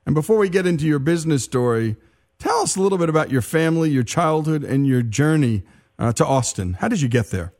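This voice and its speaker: A man hosting a radio talk show, introducing guests in a brisk, conversational, emphatic way. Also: fairly high pitch, lively intonation, darkish tone. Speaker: radio host.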